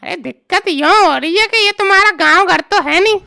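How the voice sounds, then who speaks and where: A woman's voice: very high voice, brisk, vocal fry, pushed and bright, exaggerated voice. A woman voicing a young village man in a cartoon comedy, pleading and exasperated with his old companion.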